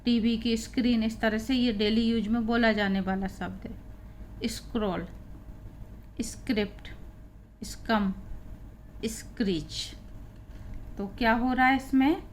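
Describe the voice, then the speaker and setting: A woman's voice: a little high, fairly even intonation, a little hiss or hum. A woman teaching an English pronunciation lesson, explaining rules step by step and spelling out letters one by one. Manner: slow, deliberate, spelling out letters.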